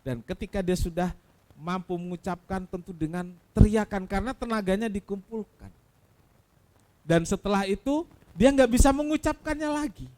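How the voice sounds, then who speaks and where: A man with an Indonesian accent preaching a sermon as pastor, asking rhetorical questions and swinging between loud cries and soft low asides. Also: normal speed. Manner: addresses listeners as saudaraku.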